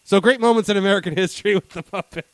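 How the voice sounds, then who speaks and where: A man's voice: high voice, racing, no echo. Jokey, rambling podcast host man. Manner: jokey, rambling, laughs often. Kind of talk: casual chat.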